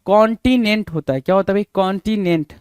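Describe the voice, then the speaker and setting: High-voiced man spelling out words. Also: normal speed, a little mellow, dry recording. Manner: repetitive, rhetorical questions, calls students "bhai". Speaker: English spelling teacher. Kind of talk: exam prep lesson, spelling out words letter by letter.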